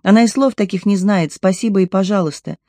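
A reader voicing a distraught mother, shouting in a shrill, trembling voice. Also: a little fast, dry recording, clean studio sound, close to an everyday voice. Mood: furious. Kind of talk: audiobook reading.

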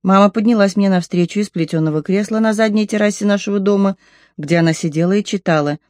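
Brief: measured first-person audiobook narrator, mellow tone, dry close sound. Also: medium pitch, dry recording.

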